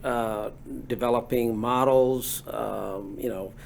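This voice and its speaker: A man from Bangladesh in his forties, answering interview questions in a relaxed, rambling way with many fillers. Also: medium pitch, slow pace, vocal fry, a little hiss or hum. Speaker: guest entrepreneur.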